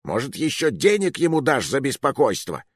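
A man's voice: mid-range voice, big pitch swings, normal speed, dry recording, clean studio sound, voice pushed up, lightly acted. A man voicing a short, fat, hot-tempered rogue who snaps and grumbles, in an audiobook. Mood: irritable. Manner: snappish, grumbling. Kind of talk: audiobook narration.

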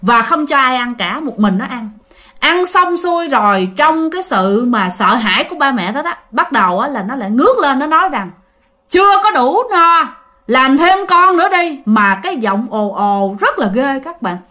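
Bright-voiced woman storyteller. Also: fairly high pitch, big pitch swings, normal speed. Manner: chatty, addresses listeners directly. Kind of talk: ghost-story narration.

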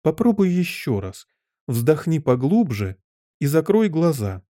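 A man's voice: fairly high pitch, sing-song, unhurried, mellow, dry recording, clean studio sound, pitched above the performer's own voice. A man voicing a fussy, flustered elderly queen in an audiobook, given to wailing and crying out. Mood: patient. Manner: wails and cries out, fretful.

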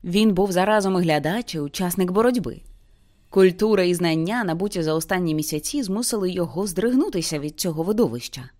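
A woman reading a novel aloud as an audiobook, with intense dramatic narration that slows for grim moments. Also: on the low side, animated, a little mellow. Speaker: audiobook reader.

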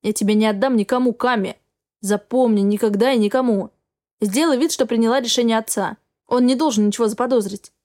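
A resolute young lover speaks in short, firm, quick sentences, voiced by a woman reading an audiobook. The voice is fairly high and warm, close to the reader's own. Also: lightly acted. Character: determined protective young man, lover.

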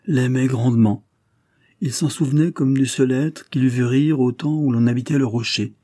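A man narrating a novel as an audiobook in a measured, expressive way. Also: medium pitch, dry recording, studio quality. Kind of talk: literary audiobook reading.

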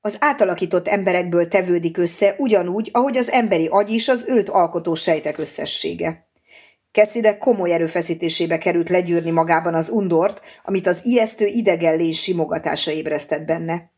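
A woman narrating a novel in a measured, steady audiobook reading. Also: on the low side, husky.

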